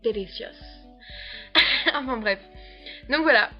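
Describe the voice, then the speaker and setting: A woman's voice: a little high, steady tone, normal speed, dull audio, soft background music. A young French woman, an au pair, chatting casually to camera with a French accent, rambling with lots of fillers and frequent giggles. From France. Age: young adult. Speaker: au pair vlogger.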